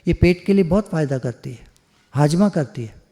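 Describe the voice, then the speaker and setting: ऊँची आवाज़ वाला पुरुष प्रवचनकर्ता, गूंजते हॉल में. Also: male voice, a little high, expressive, normal speed, dark tone. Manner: conversational, joking, mixes English words. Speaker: spiritual speaker. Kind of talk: devotional satsang discourse. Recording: long hall reverb.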